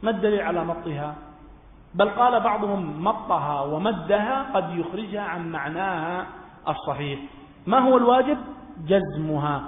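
A man's voice: high voice, lively intonation, normal speed, slight background noise. A man from Yemen giving a religious law lesson. He asks questions and answers them himself, and repeats his key points. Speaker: religious teacher. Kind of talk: Islamic jurisprudence lesson. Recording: echoey hall over a phone-like line.

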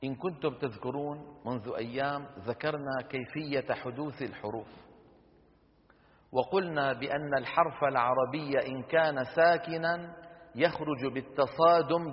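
A man's voice: mid-range voice, a little hiss or hum. A man teaching Quran recitation to a class, explaining patiently, quizzing students with rhetorical questions and demonstrating sounds. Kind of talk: classroom lecture on tajweed. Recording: lo-fi hall recording with long reverb.

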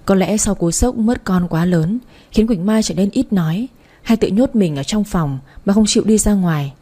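A woman narrating a first-person family drama in a soft, emotional storytelling manner. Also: medium pitch, moderate pace.

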